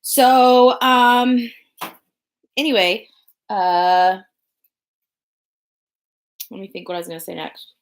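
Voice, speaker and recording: A young adult woman hosting a podcast in casual chat, rambling with many pauses and restarts. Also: medium pitch. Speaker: podcast host.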